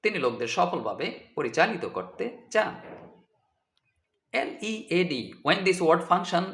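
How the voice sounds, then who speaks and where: Man as English tutor, high lively voice, very slow and deliberate, echoey room. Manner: spells words letter by letter and translates each line. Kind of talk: slow deliberate vocabulary lesson.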